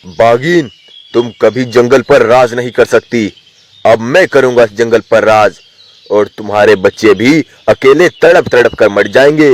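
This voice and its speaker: A man voicing a scheming, treacherous male lion in an animated story. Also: mid-range voice, unhurried, close to an everyday voice. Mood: gloating.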